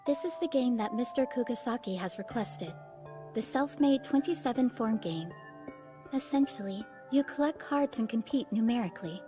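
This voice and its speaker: A woman playing a polite young maid in an anime dub, speaking formally in a composed, deadpan way. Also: on the high side, normal speed, music in the background, lightly acted. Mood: explanatory.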